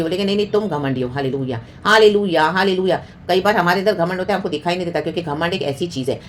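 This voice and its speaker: A woman's voice: on the low side, a little hiss or hum. A woman preaching a fervent sermon, mixing in English words and calling out hallelujah and praise the Lord often. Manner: fervent, mixes Hindi with English, frequent hallelujahs.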